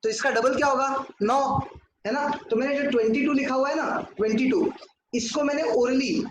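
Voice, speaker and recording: Speaking at normal speed in a steady tone and an extremely high pitch, a man lectures his class, working sums on a board and answering the questions he puts to students, mixing in English. The room echoes and noise is clearly audible.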